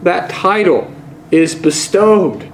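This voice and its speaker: Man, pastor, sermon, earnest, rhetorical questions, slightly high pitch, faint background noise. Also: animated, poor audio. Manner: slows and stresses key words.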